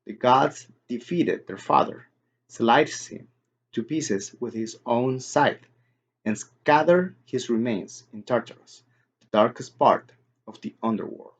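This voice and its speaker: A man reading the part of a patient, mildly sarcastic middle-aged male teacher who lectures in a measured way. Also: medium pitch, lively intonation, breathy edge, full character voice. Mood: lecturing.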